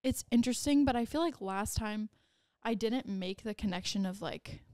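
A woman's voice: medium pitch, moderate pace, darkish tone, dry recording, clean studio sound. A pregnant woman in her twenties co-hosting a casual podcast chat, rambling and giggling with lots of "like"s. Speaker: podcast co-host.

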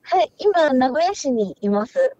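A woman's voice: sits high, big pitch swings, unhurried, mellow, dry recording, lo-fi sound. A woman joining a radio show remotely as a guest, giving brief, polite answers. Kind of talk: casual radio interview. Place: remote, in Nagoya.

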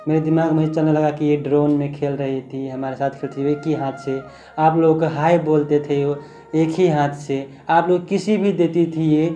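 Young dad vlogger talking from the heart, kinda high but mellow voice, soft music under. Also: male voice, fairly even intonation, normal speed. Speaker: vlogger, father. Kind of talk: emotional family vlog talk.

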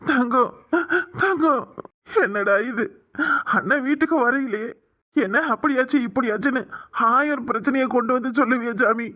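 A high, bright cartoon voice, tearful and pleading. a grief-stricken village man who mourns his mother and sister. The cries sound exaggerated. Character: grieving village man, son and brother. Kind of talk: Tamil cartoon voice acting.

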